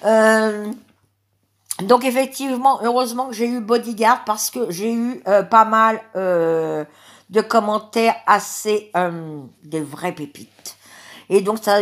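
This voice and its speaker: A woman from France talks to her viewers in a slow, unhurried vlog, with a French accent. Her voice sits fairly high, and she is chatty and affectionate, with frequent hesitant pauses. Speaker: YouTuber. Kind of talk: casual vlog address to subscribers.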